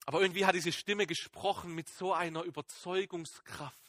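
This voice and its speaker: A man playing the Apostle Paul in a dramatic first-person sermon, emotional and halting, moving between excited outbursts and hushed awe. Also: sits high, dry recording, studio quality. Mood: awed, fervent. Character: Apostle Paul as a man, shaken and fervent, recounting his conversion.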